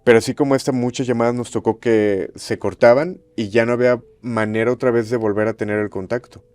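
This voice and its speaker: A man, a former radio host, recounting eerie on-air calls in a measured storytelling way. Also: mid-range voice, steady tone, darkish tone, clean tone, no echo, faint music behind. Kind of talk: storytelling interview chat.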